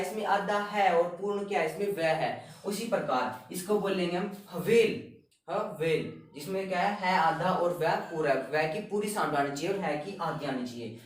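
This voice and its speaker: A man teaching a grammar lesson, explaining step by step and repeating each word slowly. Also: high-pitched. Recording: very echoey room, voice a bit far from the mic.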